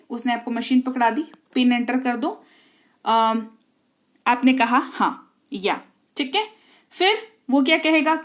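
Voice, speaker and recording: A woman teaching spoken English through sample dialogues, explaining in Hindi, reading the English lines slowly and often checking that the class follows. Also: high voice. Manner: slow, deliberate reading of English example lines; frequent check-ins with the class.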